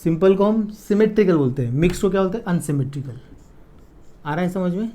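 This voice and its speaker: A middle-aged man with an Indian accent teaching chemistry in a classroom lecture, mixing in English terms and slowly repeating key words as he writes them on the board. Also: high voice, animated, dark tone. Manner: explains patiently, repeats key terms slowly while writing.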